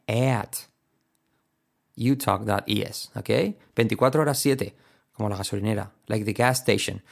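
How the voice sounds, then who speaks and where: Un hombre con acento de España que da una lección de pronunciación inglesa en audio, de forma juguetona, repitiendo ejemplos y haciendo imitaciones. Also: male voice, fairly low pitch, a little slow, vocal fry. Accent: Spain Spanish. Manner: playful, explains with mock examples and repetition. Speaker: English teacher. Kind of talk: recorded audio lesson.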